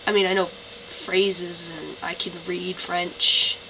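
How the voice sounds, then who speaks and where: Recording a casual accent-tag vlog in her bedroom, this young Canadian woman sounds tired, her fairly low voice dropping below its usual pitch with little melodic movement. She talks slowly but chattily, rambling with plenty of "um" and "like," and the home webcam audio is noisy.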